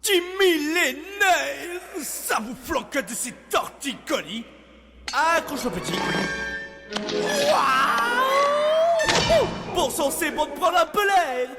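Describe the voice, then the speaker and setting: An actor voicing an exuberant, wisecracking male genie with showy, theatrical patter in a fan dub of an animated musical film. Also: very high-pitched, slow, heavily acted. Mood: boisterous, showy. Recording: loud music behind the voice.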